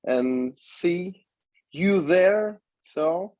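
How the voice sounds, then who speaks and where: A man's voice: high-pitched, expressive, drawn-out words, a little mellow, no echo, rough recording. A man from Lithuania greeting a seminar over a video call in a friendly way.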